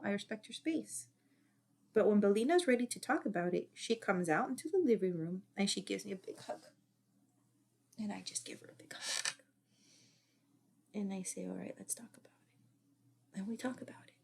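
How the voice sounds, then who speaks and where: A middle-aged woman, a former child therapist, giving casual advice in an earnest, repetitive way that often drops to a soft whisper. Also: mid-range voice, creaky. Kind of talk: casual advice talk to camera.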